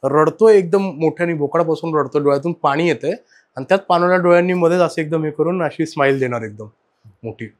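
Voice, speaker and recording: On a podcast, a male guest animatedly tells a personal ghost story in a casual chat. His voice is a little high and his pace quick, and he swings between loud and soft, rising and falling as the story unfolds.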